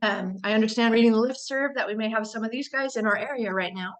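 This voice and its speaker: A woman from North America with a voice on the high side chats enthusiastically through a casual slide talk on birding. She is losing her voice, clears her throat repeatedly and fills pauses with "ums."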